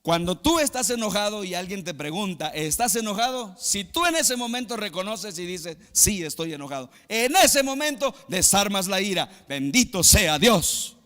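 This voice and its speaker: High, bright-voiced preaching man. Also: lively intonation, moderate pace, few pauses, big-room sound. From Mexico. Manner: emphatic preaching, swings between loud exclamations and low asides. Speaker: pastor. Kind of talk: sermon.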